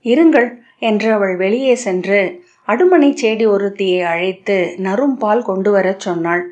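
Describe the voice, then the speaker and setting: A woman reads a novel aloud in a steady, literary storytelling manner. Her voice sits at a middling pitch. The recording is muffled and lo-fi. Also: measured pace. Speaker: audiobook narrator. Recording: dull lo-fi audio.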